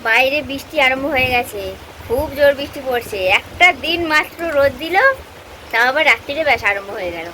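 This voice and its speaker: A woman's voice: high-pitched, quick pace, noisy background. A housewife vlogging from home, chatting casually and straight to her viewers while recording on a handheld phone. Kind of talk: casual vlog chat to viewers. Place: at home, indoors.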